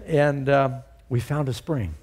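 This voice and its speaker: A middle-aged pastor preaching a storytelling sermon in a warm, mellow man's voice. He lifts his voice high and loud whenever he quotes scripture, then drops back to an easy narrating tone. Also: steady tone, measured pace, breathy edge.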